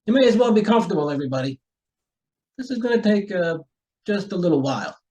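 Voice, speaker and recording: A man playing a folksy, rambling homicide sergeant in a radio mystery, chatty, halting and courteous. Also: sits high, animated, a little mellow. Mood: affable, probing. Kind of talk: amateur radio mystery acting.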